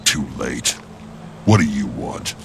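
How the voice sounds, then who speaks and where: An actor voicing a huge grim, war-weary cat-beast soldier in a video game, gravelly, blunt and slow. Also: male voice, extremely low pitch, expressive, background noise, full character voice. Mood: gruff. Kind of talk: video game character dialogue.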